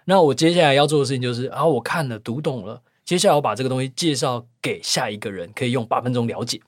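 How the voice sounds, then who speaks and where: A man's voice: medium pitch, quick pace, no room sound, studio quality. A man with a Taiwanese accent talking casually as a podcast guest, blunt and plain-spoken. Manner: blunt, plain-spoken, repeats agreement words. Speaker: podcast guest, video creator.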